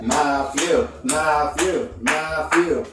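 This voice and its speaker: A man's voice: fairly high pitch, very slow, heavy background noise. A man in his twenties chatting casually with his friends. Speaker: food challenge participant. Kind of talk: casual chat among friends. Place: home dining room. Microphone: camera a few metres away. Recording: echoey room, distant mic, music underneath.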